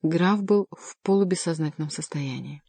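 A woman narrating a classic novel as an audiobook reader, in a measured, even way. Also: low-pitched, slightly rough, dry recording. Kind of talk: scripted narration.

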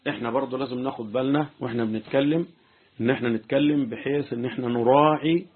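A man's voice: medium pitch, fairly even intonation, fast, breathy edge. A man with an Egyptian Arabic accent teaching an informal religious lesson, often checking that his listeners follow. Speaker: sheikh teaching Quran commentary. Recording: tinny phone-like lo-fi recording.

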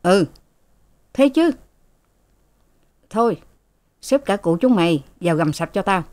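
A woman's voice: fairly low pitch, lively intonation, normal speed, a little mellow, natural voice. A woman voicing a bossy, harsh rich mistress who scolds her servants in a haughty manner, in a storybook reading. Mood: scolding.

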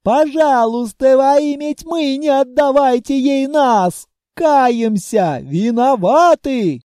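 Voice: high voice, slow pace, warm tone, dry recording, pitched above the performer's own voice. A reader voicing two cowardly lizard-men brothers who wail and beg for mercy in an audiobook. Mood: wailing, begging. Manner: wailing, begging.

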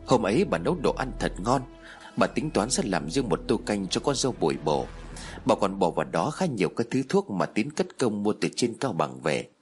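A man narrating a horror story in a dramatic, expressive way. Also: lowish voice, normal speed, faint music behind.

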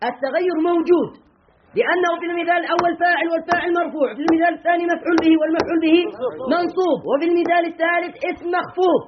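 A man teaching Arabic grammar in a classroom lesson. He asks his students questions, answers them himself and repeats example sentences slowly. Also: very high-pitched, a little hiss or hum. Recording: dull lo-fi recording.

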